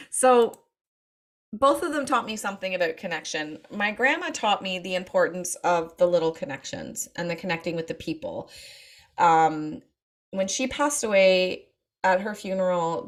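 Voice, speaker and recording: A woman telling family stories to an audience, laughing often and acting out quoted voices. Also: fairly low pitch. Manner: warm anecdotal, laughs often, acts out quotes. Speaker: speaker. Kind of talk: storytelling talk to an audience.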